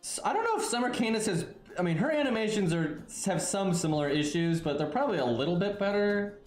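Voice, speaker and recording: A man's voice: high voice, expressive, fast talker, a little mellow, echoey room, faint music behind. A congested, sniffly man breathing through his mouth, giving rambling, casual game stream commentary to his viewers. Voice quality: congested, stuffy-nosed.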